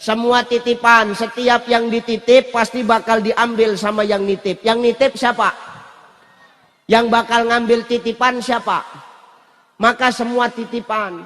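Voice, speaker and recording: A man preaching a humorous sermon, joking and teasing, with sudden shouted bursts. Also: very high voice, level tone, unhurried. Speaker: Islamic preacher. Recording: long hall reverb.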